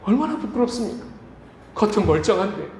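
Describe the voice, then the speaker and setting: Korean pastor preaching with dramatic swings. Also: male voice, big pitch swings, fairly quick, darkish tone, a little hiss or hum. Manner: dramatic preaching, acts out quoted voices with big pitch swings. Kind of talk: sermon. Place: church sanctuary. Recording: echoey church room, faint ambience.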